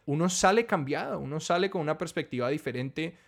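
A man hosting a casual conversation, thinking out loud in a reflective way and reworking his sentences as he goes. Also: fairly high pitch, lively intonation, fairly quick, creaky. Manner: reflective, thinking aloud with restarts.

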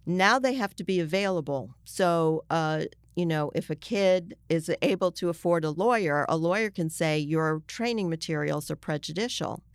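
A journalist with an American accent and a fairly low, clear voice is interviewed conversationally, explaining things emphatically while pausing and restarting mid-sentence as she builds her point. The sound is dry and close, with no echo.

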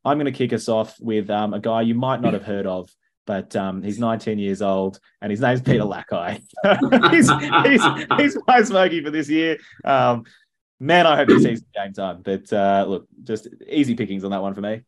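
A man's voice: on the low side, moderate pace. A man co-hosting a rugby podcast, laid-back and teasing. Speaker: podcast co-host. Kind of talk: casual podcast banter.

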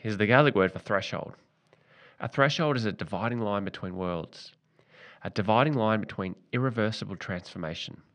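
Deep-voiced man narrating a reflective essay. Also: a bit bright. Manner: measured, reflective, with slowed emphatic phrases. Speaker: podcast host.

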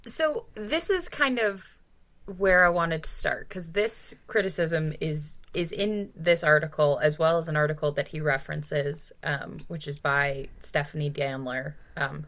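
A woman with a deep voice and fairly bright tone co-hosts a casual book discussion podcast. She talks informally and emphatically, saying "like" a lot and swearing mildly.

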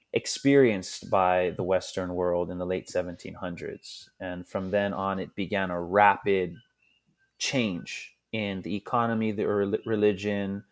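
A man from Hawaii with a lowish voice talks as a podcast guest in a relaxed, conversational way. He is earnest and loose, and he slips into quick little voices for the people he quotes. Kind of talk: casual conversational storytelling.

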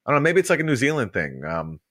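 A man's voice: medium pitch, huge pitch swings, quick pace, pushed and bright, dry recording, studio quality. A man co-hosting a podcast, bantering casually in a mock-solemn, ironic way. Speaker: podcast co-host.

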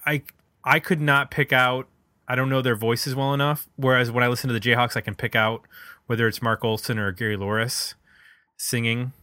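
Talking through an album in a relaxed way, this music-podcast-style host works out his thoughts aloud at a normal speed. His voice is bright, forward and middle-pitched with a level tone, captured close and dry with no echo.

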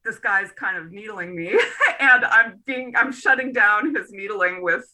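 A middle-aged woman, a literary scholar, telling an anecdote in a relaxed interview, often laughing and restarting her sentences. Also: medium pitch, a little slow, low-quality recording. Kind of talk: conversational interview storytelling.

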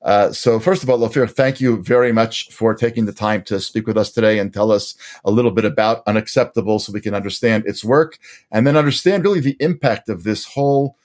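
A male host introduces his guest and poses questions in a measured, courteous manner. His voice sits on the low side. He speaks in an even, explanatory way. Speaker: interview host. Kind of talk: formal introduction and interview questions.

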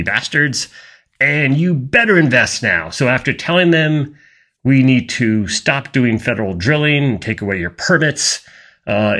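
A man's voice: medium pitch, a bit bright. A man giving an emphatic, opinionated video commentary on energy markets.

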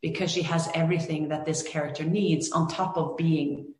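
A woman's voice: sits low, steady tone, moderate pace. A Norwegian woman, a film director, answering interview questions thoughtfully with many restarts and fillers. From Norway. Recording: echoey room.

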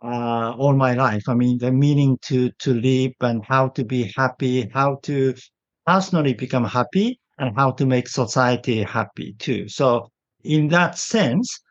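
A man's voice: medium pitch, measured pace, dull audio. Hesitant Japanese man, British-tinged English. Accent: Japanese English with British influence. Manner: hesitant, searching for words. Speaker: guest. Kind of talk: casual interview answers.

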